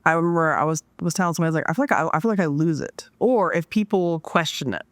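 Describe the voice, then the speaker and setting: A woman in her forties, a podcast guest, telling a casual story with lively asides and acted-out quotes. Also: low-pitched, racing, dry recording. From Washington DC area. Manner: animated, acts out quoted dialogue.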